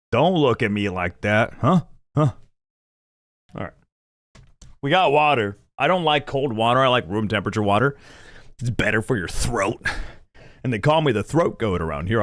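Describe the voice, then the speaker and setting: Brief: young male streamer, lively up-and-down delivery, rambling and self-mocking, dry close sound. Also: medium pitch, moderate pace, long pauses, dry recording. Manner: rambling, self-deprecating, laughs often. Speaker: gaming streamer reacting to lore videos. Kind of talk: casual rambling chat to viewers.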